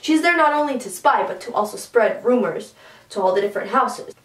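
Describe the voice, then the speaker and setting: Chatty excitable young woman book reviewer. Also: fairly high pitch, slight background noise. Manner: chatty, excitable, quick asides. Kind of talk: casual book talk. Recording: roomy, from a distance.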